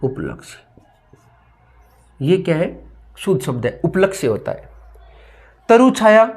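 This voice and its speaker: Very animated and a little slow, a high-pitched man leads a grammar lesson. Over and over he names a word, asks what it is, and answers himself, drilling the spellings.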